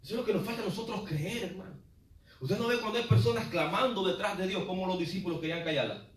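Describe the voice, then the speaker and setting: Man, pastor, sermon, high-pitched, echoey hall, off-mic, loud and soft swings. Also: fast talker, distant mic. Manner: preaching with swings between loud exclamations and low asides, often saying "hermano". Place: church sanctuary.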